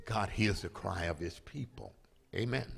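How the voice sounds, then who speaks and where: With a lowish, slightly rough voice marked by vocal fry, an older pastor preaches at normal speed into a handheld mic at the pulpit of a big sanctuary. He engages the congregation in call-and-response, stretches out key phrases, and builds to loud proclamation, all under a large hall's long reverb.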